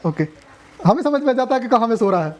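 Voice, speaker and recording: A man's voice: very high voice, sing-song, fast, darkish tone, highs cut off. Male tutor, classroom lecture, casual and talkative, keeps checking students follow. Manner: chatty, asks students questions, jokes. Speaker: coaching class teacher.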